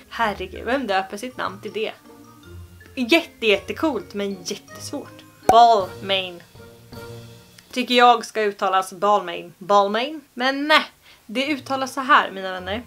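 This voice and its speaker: A young Swedish woman with a mid-range, slightly bright voice vlogs casually to the camera. She's playful and joking, using exaggerated pronunciations.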